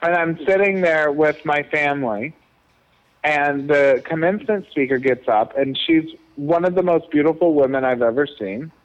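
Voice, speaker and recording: A man's voice: on the high side, moderate pace, muffled recording. Indignant male radio storyteller. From Illinois. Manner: indignant, talks while eating. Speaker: radio co-host.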